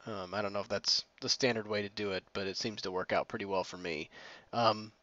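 A man's voice: fairly low pitch, steady tone, a little fast, fairly bright tone, no echo, dull audio. A young man casually narrating a timelapse of his own welding work, rambling with plenty of ums and restarts. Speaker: DIY maker narrating his build.

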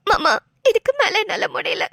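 A woman's voice: very high voice, huge pitch swings, moderate pace, creaky, a bit bright, no echo, studio quality, heavily acted. A woman doing a tearful young woman pleading. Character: young woman desperately pleading with her beloved.

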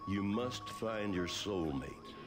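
A mystical cartoon coyote spirit speaks in a low, gravelly voice. He is solemn and unhurried, giving cryptic counsel with calm authority while music plays clearly behind him. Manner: slow, grave, cryptic pronouncements. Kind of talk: animated cartoon acting. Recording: music under the voice.

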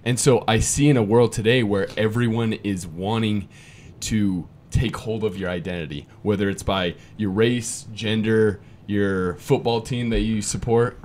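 A man's voice: fairly low pitch, fairly even intonation, darkish tone, a little hiss or hum. Upbeat young man co-hosting a podcast. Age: 20s. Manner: casual and upbeat, quick asides, reads verses aloud. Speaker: podcast co-host. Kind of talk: podcast conversation with scripture reading.

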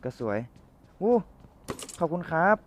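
A young man casually commentating his own game match, playful and chatty with viewers and teammates, his voice a little rough from the cold. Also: slow pace, slight background noise.

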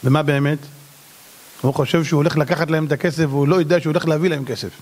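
A man with a high-pitched voice teaches a Torah lesson as a rabbi. He tells the story with energy, drops slangy asides, acts out the quotes and sometimes shouts. His delivery moves between loud and quiet. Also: fairly even intonation, a little hiss or hum. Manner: bursts into shouts.

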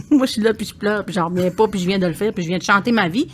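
A woman in her sixties with a Québécois French accent tells her stories with animation and frequent laughter. Her voice sits at a middle pitch, and she keeps tagging her phrases with a little filler as she chats. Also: fast talker, slightly rough. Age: 60s. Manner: animated storyteller, laughs often, tags phrases with "là". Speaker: podcast guest, singer. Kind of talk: casual conversation.

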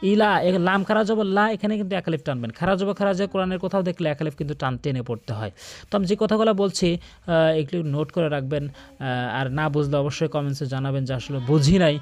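A man's voice: fairly high pitch, darkish tone, faint music behind. Earnest male Quran recitation teacher. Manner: earnest, repeats corrections, chants drawn-out practice words. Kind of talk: instructional video lesson.

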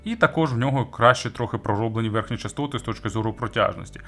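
A fast-talking man with a medium-pitched, fairly bright voice hosts a casual audio gear review, giving informal, semi-scripted commentary as he explains the product.

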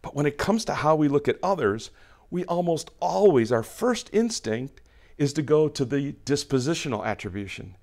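A man preaching a sermon in a conversational way, often restarting his sentences and acting out little everyday scenes in quick voiced asides. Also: on the high side, expressive, darkish tone. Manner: frequent restarts and repeated words. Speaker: pastor.

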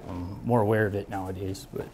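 A man in his thirties, a barber and shop owner, talking casually while he works, relaxed and rambling with many fillers, moving around the room away from the camera mic. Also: deep voice, fairly quick, background noise. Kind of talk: casual talk while working. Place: barbershop with brick walls, indoors.

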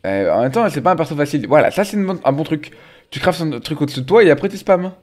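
A young man casually commenting on someone's gameplay, animated and teasing, with frequent exclamations. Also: on the high side, fast talker.

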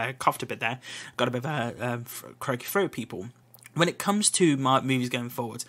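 A man's voice: mid-range voice, pushed and bright. A man hosting a podcast, giving a solo film review in loose, rambling talk that often restarts its sentences. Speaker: podcast host.

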